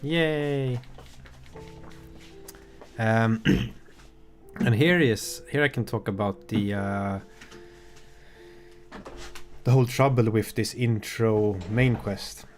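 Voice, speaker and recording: A man, a game developer, giving relaxed, halting commentary on his own game with an amused tone. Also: lowish voice, faint music behind.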